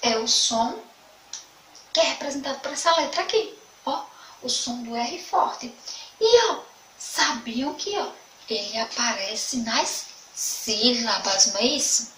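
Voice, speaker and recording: A woman teacher with a Sergipe Brazilian accent gives an online lesson to young children, speaking in a slow, sing-song way and repeating words. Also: on the high side, animated, fairly bright tone. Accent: Sergipe Brazilian Portuguese. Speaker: primary school teacher. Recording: echoey room, mic at a distance, faint background noise.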